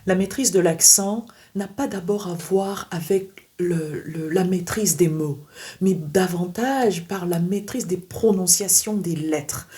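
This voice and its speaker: Woman, pronunciation teacher, slow deliberate delivery, dark mellow tone, repeats drills. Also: lowish voice. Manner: repeats sounds and words for practice, addresses viewer directly. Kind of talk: slow instructional lesson with drilled examples.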